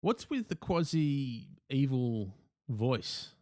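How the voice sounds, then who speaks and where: A man's voice: mid-range voice, very animated, extremely slow, a little mellow, no room sound, studio quality. An Australian man hosting a podcast, chatting in a mock-serious, teasing way over a call from home. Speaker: podcast host. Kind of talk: casual comedic chat.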